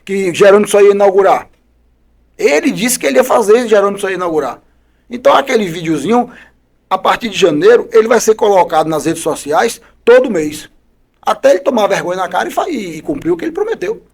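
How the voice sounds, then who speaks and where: Man, high voice, combative politician guest, punchy rhetorical questions. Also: big pitch swings, fast talker, vocal fry. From Bahia, Brazil. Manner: combative, emphatic criticism with repeated rhetorical questions. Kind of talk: podcast interview.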